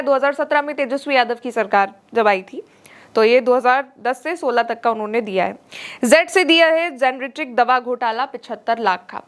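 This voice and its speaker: A woman's voice: sits high, fairly bright tone. A woman presenting scripted political news narration in an emphatic, dramatic way.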